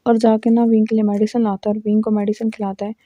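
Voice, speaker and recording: A woman's voice: fairly high pitch, flat delivery, fast talker, dark tone, lo-fi sound, slight background noise. A woman casually retelling a drama's plot in a plain, repetitive storytelling way. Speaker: story narrator.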